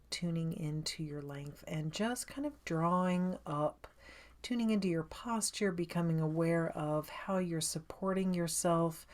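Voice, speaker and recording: A woman with a deep voice leads a guided meditation as a coach, giving gentle instructions in a soothing, unhurried and inviting way.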